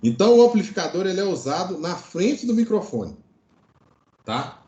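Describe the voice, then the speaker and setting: A Brazilian man teaches an informal online class in a fairly high voice. His intonation is very animated, and he keeps checking that listeners follow. The room adds a noticeable echo. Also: moderate pace, highs cut off. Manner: explanatory, peppered with check-in tags. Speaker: electronics teacher. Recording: roomy, echoing online class audio.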